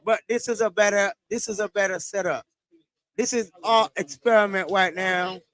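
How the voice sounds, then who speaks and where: A man's voice: high-pitched, steady tone, normal speed, fairly bright tone, rough recording. A man hosting a casual live stream, repeating his phrases and now and then switching into Spanish. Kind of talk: casual live chat with shout-outs. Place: outdoors in a beachside parking lot.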